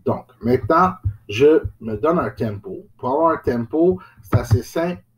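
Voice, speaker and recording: A man's voice: medium pitch, lively intonation, measured pace. A man teaching a music lesson, patiently explaining each step and chanting rhythm syllables in time with a beat.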